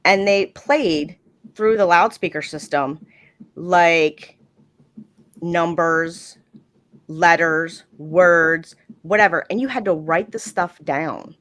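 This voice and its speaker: A woman's voice: fairly low pitch, takes it slowly, a bit bright. A woman dispatcher telling a story in casual podcast chat, chatty and full of "like"s. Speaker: 911 dispatcher and podcast guest.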